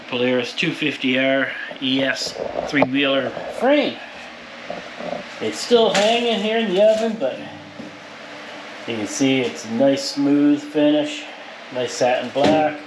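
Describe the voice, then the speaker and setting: With long pauses and a slow, expressive delivery, a man with a mid-range voice narrates hands-on work in his powder coating workshop. He's a plain-spoken powder coater explaining his shop's work to viewers casually. Shop noise is clearly audible.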